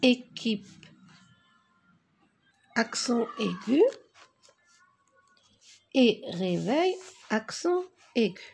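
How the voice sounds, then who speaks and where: A woman teacher going slowly through a spelling exercise, dictating words and naming each accent mark. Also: on the high side, big pitch swings, creaky, a little mellow, slightly rough, soft background music. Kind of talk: worksheet correction lesson.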